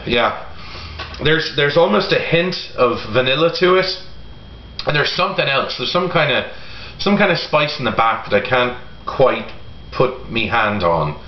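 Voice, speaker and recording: A middle-aged man talks to camera in a casual, halting review style, pausing often as he goes. His voice sits at an ordinary male pitch. The recording is roomy and echoey, with a slightly dull lo-fi sound. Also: animated. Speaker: product reviewer. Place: home kitchen, indoors. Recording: roomy echo, dull sound, faint noise.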